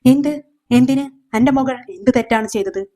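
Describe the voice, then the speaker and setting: A woman voicing an older father who pleads loudly for his daughter. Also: medium pitch, moderate pace, natural voice. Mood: anguished. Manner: pleading, raised voice. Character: grieving proud father, older man.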